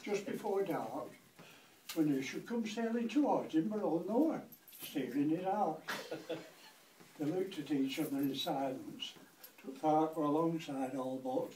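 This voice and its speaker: A man's voice: fairly high pitch, measured pace, dark tone. Old Lancashire man reciting comic verse. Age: 80s. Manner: rhythmic, dry comic delivery. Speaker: grandfather reciting. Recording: echoey room, distant mic, faint noise.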